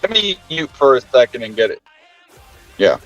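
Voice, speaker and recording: A man's voice: mid-range voice, sing-song, moderate pace, soft background music. Laid-back male co-commentator, muffled audio. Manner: apologetic, laid-back, calls co-host partner. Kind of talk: casual commentary banter. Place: in a car on the drive home.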